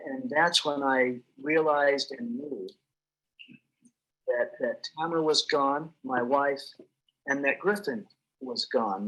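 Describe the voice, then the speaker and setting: A man giving an earnest, halting personal testimony as an accident survivor, often restarting his sentences. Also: on the high side, fairly bright tone, slightly rough, rough recording.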